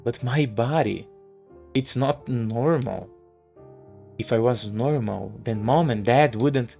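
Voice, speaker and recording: A man voicing a lonely, outcast young woman in a game story, speaking softly and dejectedly. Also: mid-range voice, slow, creaky, faint music behind. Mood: hurt. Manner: soft, dejected.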